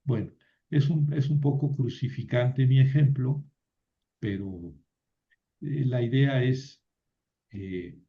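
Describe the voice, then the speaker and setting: Male teacher, unhurried and hesitant, full of fillers; muffled lo-fi sound. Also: mid-range voice. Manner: slow, hesitant explaining with many fillers and restarts. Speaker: biblical Hebrew teacher. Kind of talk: online class lecture.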